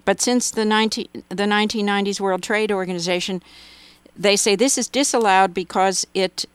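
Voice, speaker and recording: A woman's voice: mid-range voice, fairly even intonation, normal speed, clean tone, no room sound. A woman speaking as a guest in a radio interview, giving long run-on answers with emphatic asides. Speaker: interview guest, policy commentator.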